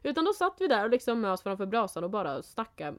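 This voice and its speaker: A woman's voice: mid-range voice, very animated. A young woman co-hosting a podcast, chatting casually and laughing often. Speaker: podcast co-host. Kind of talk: casual chat.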